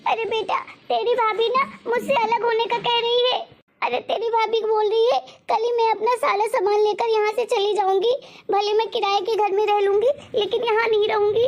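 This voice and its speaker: A woman voicing an anxious elderly mother-in-law in an animated family story, wailing and calling on God. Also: very high voice, normal speed, dull audio. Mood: distressed.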